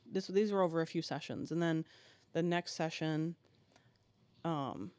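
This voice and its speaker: A man guest on a podcast, telling a personal story haltingly and with emotion, full of fillers and restarts. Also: on the high side, a little mellow, clear, resonant tone, no room sound.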